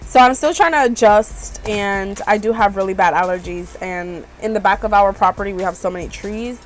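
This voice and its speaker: A beauty vlogger, congested and stuffed up from allergies, shows off her purchases in a casual haul chat from a small RV room, rambling with lots of ums and "you guys." Her voice is mid-range at a moderate pace, with soft background music.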